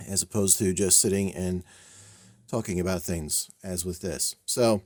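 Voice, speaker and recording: A man with a lowish, mellow voice talks through a model kit build in a relaxed, rambling way, full of fillers and small laughs. His delivery is a touch stiff, almost robotic. The sound is dry and close, with no room echo. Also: measured pace. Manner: rambling, self-deprecating, many fillers and chuckles. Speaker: scale model builder and channel host. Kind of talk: casual build video narration.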